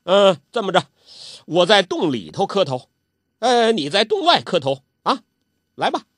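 A man's voice: high-pitched, very animated, a little slow, fairly bright tone, dry recording, studio quality, voice pushed up, exaggerated voice. A man voicing a playful, childish old male martial artist, who whines and teases in a petulant way. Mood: giddy. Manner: whiny, petulant, teasing.

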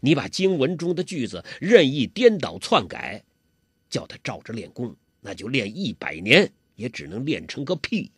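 A man's voice: medium pitch, big pitch swings, moderate pace, slightly rough, no echo, clean studio sound. A man voicing an old male beggar martial arts master with coarse, scolding, chuckling speech. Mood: gruff, scheming.

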